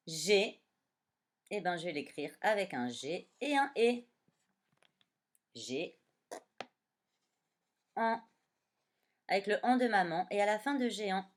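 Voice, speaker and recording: A woman teaching a dictation lesson to young children, sounding out words syllable by syllable. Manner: slow, syllable-by-syllable spelling with lively pitch. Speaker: primary school teacher.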